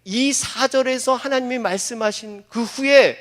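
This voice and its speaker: A man's voice: extremely high pitch, a little slow, fairly bright tone, long reverb tail. A man preaching a sermon as pastor in a church, impassioned and acting out quoted lines. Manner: impassioned, voicing Moses and God in quoted lines. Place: church sanctuary.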